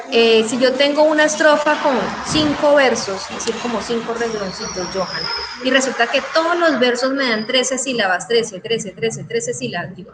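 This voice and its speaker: A middle-aged Colombian woman teaches over a video call, her voice sitting fairly high. She explains step by step and keeps checking that the class follows. A faint hiss sits under the line. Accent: Colombian Spanish. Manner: patient, checks understanding with frequent questions.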